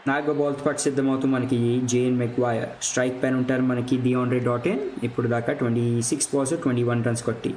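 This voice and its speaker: A man with an Indian accent giving excited live play-by-play cricket commentary, switching between Telugu and English phrases. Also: mid-range voice, quick pace, hardly any pauses. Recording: roomy echo, clear background noise.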